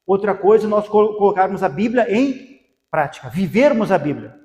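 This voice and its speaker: A Brazilian pastor preaching a sermon in a high, ringing voice. His words echo through a large hall with a long reverb trail. He drives the message with repeated rhetorical questions. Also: lively intonation, brisk, darkish tone. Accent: Brazilian Portuguese.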